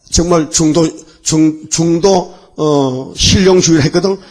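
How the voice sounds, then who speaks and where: Male pastor, dawn sermon, rambling and fiery, rhetorical questions. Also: sits high.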